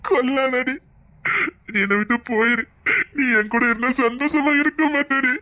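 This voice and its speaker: A man with a Tirunelveli Tamil accent playing a gruff, stubborn young man who keeps pushing his lover away. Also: very high voice, normal speed, bright, forceful tone. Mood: anguished. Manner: curt, scolding, begging. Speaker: male lead in a comedy skit.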